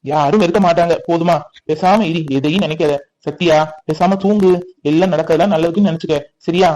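A man's voice: fairly high pitch, fairly even intonation, fairly quick, darkish tone, natural voice, rough recording. A man playing a protective young husband who reassures his wife firmly. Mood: reassuring. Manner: firm, reassuring, bossy. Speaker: actor. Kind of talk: family comedy-drama acting.

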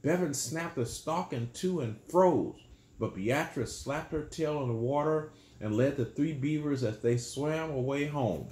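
Gentle bedtime storyteller man. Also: a little high, measured pace, roomy sound. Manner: gentle, explains the story to children. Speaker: storyteller, channel host.

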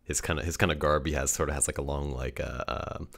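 A man's voice: extremely low pitch, steady tone, fast, vocal fry, fairly bright tone. A man narrating as game master of a tabletop game, rambling with many fillers and repeated words.

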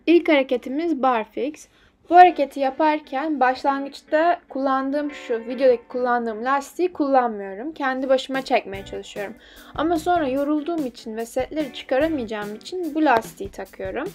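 Young woman, fitness vlogger, higher-pitched voice, chatty and instructive, soft music underneath. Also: moderate pace. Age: young adult. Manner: chatty, instructive, slightly self-deprecating. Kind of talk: casual explanatory voice-over.

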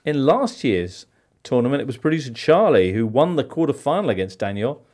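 Male quiz host, playful and theatrical, swooping animated delivery, mid pitch. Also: fairly quick. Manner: playful, theatrical question reading. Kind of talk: podcast quiz hosting.

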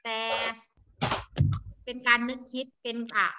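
A woman's voice: measured pace, noisy background. A woman teaching an online language class, patiently drilling pronunciation and calling on students by name. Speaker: Chinese teacher.

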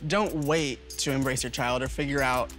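A man's voice: medium pitch, steady tone, moderate pace, a bit bright. A young man with a campy, droll drag queen manner, chatting as a panelist. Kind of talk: panel chat. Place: TV studio panel stage. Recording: music clearly behind the voice.

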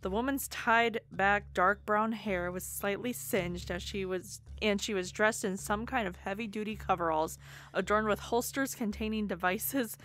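A woman reading a silly fan fiction story aloud on a comedy podcast. Her delivery is animated and theatrical, at an even middle pitch. She leans into the drama for laughs. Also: moderate pace, a little hiss or hum.

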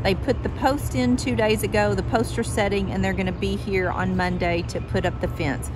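A woman's voice: steady tone, normal speed, noisy background. A woman, chatting casually through a home tour vlog, filmed on a phone at arm's length outside on a patio and inside her house. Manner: chatty, talks to her dog in a high sing-song voice. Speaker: vlogger. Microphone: phone held at arm's length.

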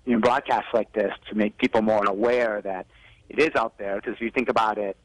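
On a TV news segment, a doctor guest speaks live over the phone, explaining health advice and often dropping "you know" into his answers. His voice is lowish, steady, and brisk. The recording is dry, and the audio is poor.

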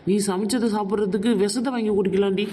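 An angry, wounded father, played by a man in a family drama lashes out harshly. He talks very fast in a high, dark-toned voice. Faint noise sits behind him. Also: fairly even intonation, close to an everyday voice. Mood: angry resentful. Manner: harsh, resentful. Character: proud wounded middle-aged father, angry.

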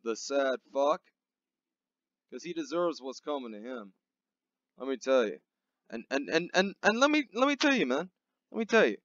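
A man's voice: mid-range voice, sing-song, normal speed, long pauses, fairly bright tone, dry recording, highs cut off. A man hosting a satirical show, delivering a profane, repetitive, mocking comedy rant. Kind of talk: ranting comedy monologue.

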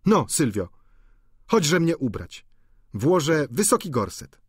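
A man's voice: on the high side, big pitch swings, takes it slowly, a little mellow, breathy edge, no echo, clean studio sound, pitched above the performer's own voice, heavily acted. A man voicing a fussy, gossiping older widow who runs a boarding house, chattering and exclaiming in a raised voice. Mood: gushing.

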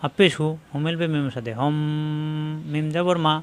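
A Bengali-speaking man gives a patient recitation lesson, breaking words into syllables and stretching them out as he demonstrates. His voice sits a little higher than most men's. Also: clear, resonant tone. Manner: slow, drawn-out syllables when modelling recitation. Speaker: Quran recitation teacher. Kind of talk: step-by-step spelling and pronunciation lesson.

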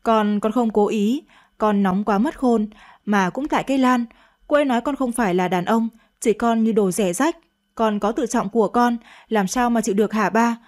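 A woman's voice: fairly high pitch, normal speed, darkish tone, lightly acted. A woman reading a radio story, voicing a crude, scornful young husband with a cold, mocking way of talking. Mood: pleading.

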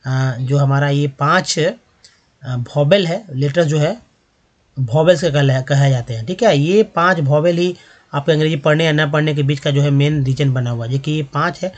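A man hosting a spoken language lesson, explaining briskly and reading word lists slowly and deliberately. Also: on the high side. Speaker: English teacher and channel host.

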